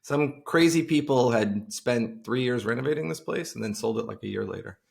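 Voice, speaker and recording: Gravelly guy from long island rambling thru his career on a video call, lots of uhs and restarts. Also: mid-range voice, animated, normal speed. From Long Island, New York. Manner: rambling, many fillers and restarts. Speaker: podcast guest. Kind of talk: casual interview chat.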